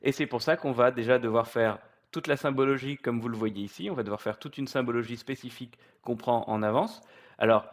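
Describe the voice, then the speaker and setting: A man of middle pitch walks through a software tutorial off the cuff, pausing often with fillers and restarting his sentences. His delivery is relaxed and explanatory, recorded on a computer mic while he works on screen. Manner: hesitant, many fillers and restarts.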